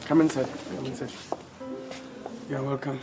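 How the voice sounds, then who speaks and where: A man's voice: mid-range voice, little pitch movement, moderate pace, gravelly, over music, natural voice. An actor playing a weary, exasperated man who is welcoming mourners after his uncle's death. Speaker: bereaved nephew hosting mourners.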